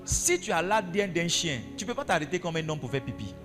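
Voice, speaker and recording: A pastor with a fairly high voice preaches to his congregation. His pitch swings widely as he repeats his points and asks questions. Soft music plays underneath. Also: sing-song, fast, long reverb tail. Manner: repeats key phrases for emphasis. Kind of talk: sermon.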